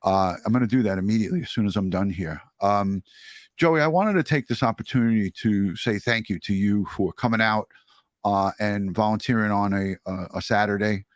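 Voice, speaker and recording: A man talking casually and appreciatively as a livestream host, in a halting way with pauses. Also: fairly low pitch, no room sound, studio quality. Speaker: true crime livestream host. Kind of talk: casual livestream talk and sign-off.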